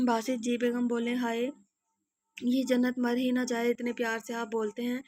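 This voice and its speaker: Woman narrator, hoarse, somewhat high voice, flat narrow delivery, audio novel reading. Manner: narrow pitch range, stumbles and restarts words; clears throat often. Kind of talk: reading a romance novel aloud, voicing all characters.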